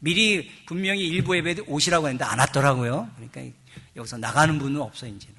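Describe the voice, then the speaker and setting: A middle-aged man preaching a sermon as pastor. He swings between hushed asides and loud emphasis and acts out quoted voices in a chatty, joking tone. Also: a little high, quick pace, breathy edge.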